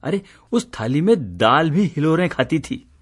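A teasing, exasperated husband. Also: male voice, fairly high pitch, sing-song, measured pace, slightly rough, exaggerated voice. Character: teasing middle-aged husband, tired office worker. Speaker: radio drama actor. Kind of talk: radio play acting.

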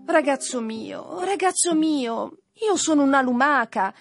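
A man voicing a calm, unhurried female snail with a drawn-out, leisurely delivery in a storybook reading. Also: very high voice, faint music behind, pitched above the performer's own voice, full character voice.

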